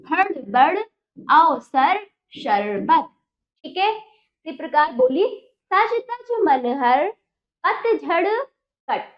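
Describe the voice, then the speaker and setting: A woman teacher giving a children's reading lesson, breaking words into syllables and repeating them slowly for the children to follow. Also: high-pitched. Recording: dull lo-fi recording.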